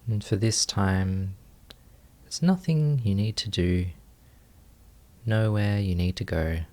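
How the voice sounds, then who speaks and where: With a lowish voice, this man guides listeners through meditation as their teacher. He keeps his phrases short and gentle, never rushing, and leaves long silences.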